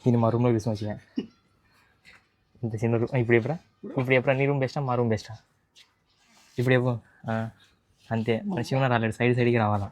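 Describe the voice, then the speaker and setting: A man's voice: mid-range voice, fairly even intonation, quick pace, pauses often, a little mellow. A young man narrating a casual vlog, chatty and teasing as he talks straight to viewers. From Andhra Pradesh, India. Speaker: vlogger.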